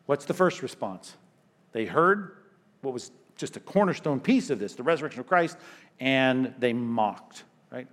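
A male pastor preaching a sermon in an emphatic way. He repeats himself, throws in sudden loud stresses, and drops into quiet asides. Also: medium pitch.

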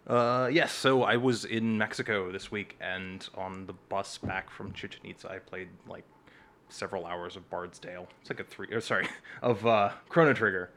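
Low-voiced man with dry quips. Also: normal speed, a bit bright, slight background noise. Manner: dry, laid-back quips. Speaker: guest. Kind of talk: casual podcast chat.

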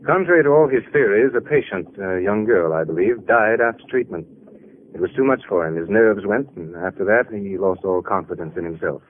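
An actor playing an earnest, weary sanatorium doctor with formal authority in a 1940s radio drama. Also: male voice, lowish voice, brisk, natural voice. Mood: weary, reflective. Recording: tinny, hissy vintage radio recording.

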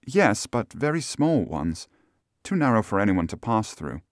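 A man voicing an earnest, anxious young gentlewoman in a detective story audiobook. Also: lowish voice, sing-song, a little slow, dry recording, clean studio sound, pitched above the performer's own voice.

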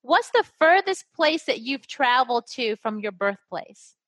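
A woman's voice: high voice, big pitch swings, a little slow, a bit bright, no echo. A woman hosting an interview podcast, asking questions in an upbeat, encouraging way. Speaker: podcast host. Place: in Guam.

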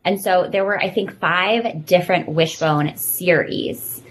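A woman's voice: fairly low pitch, a little slow, a little hiss or hum, poor audio. Chatty thirties woman hosting a podcast. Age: 30s. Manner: chatty, nostalgic storytelling. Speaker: podcast host. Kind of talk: casual podcast chat.

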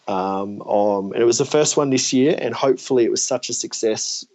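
A man speaks as a podcast host in a casual, conversational way. His voice sits at an average pitch for a man, and he talks informally, as if chatting with friends. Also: moderate pace, darkish tone. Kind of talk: casual chat.

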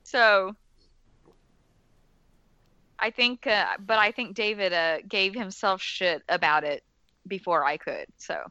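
A woman's voice: mid-range voice, slow pace, pauses often, sharp tone, clean tone, dry recording, highs cut off. A woman from the American South with a slight Southern accent, co-hosting a casual movie commentary, laughing often and swearing freely. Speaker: podcast co-host.

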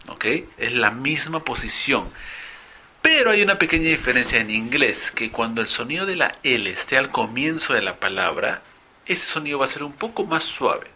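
A man teaching English pronunciation in Spanish, explaining slowly and repeating example words for listeners. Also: mid-range voice, gravelly, sharp tone. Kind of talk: pronunciation lesson.

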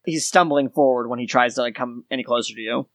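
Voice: medium pitch, quick pace, a bit bright, no echo, studio quality. A game master narrating a tabletop game in an informal, descriptive way.

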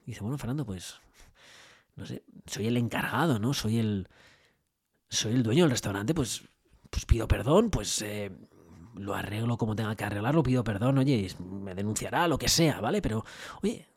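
A man's voice: fairly low pitch, normal speed, slightly rough. A man with a Spain Spanish accent, giving a motivational business talk and coaching listeners through lots of rhetorical questions and tag questions. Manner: animated storytelling with acted-out dialogue.

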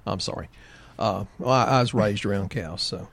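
A man's voice: fairly low pitch, normal speed, creaky, a bit bright, slight background noise. A man casually talking about health in a folksy, joking, rambling way. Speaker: health practitioner co-host.

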